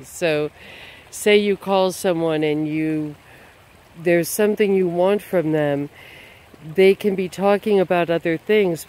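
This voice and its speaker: A man's voice: fairly high pitch, darkish tone. A man vlogging outdoors by a river, talking in a meandering way full of "you know" and "um". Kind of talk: rambling outdoor monologue.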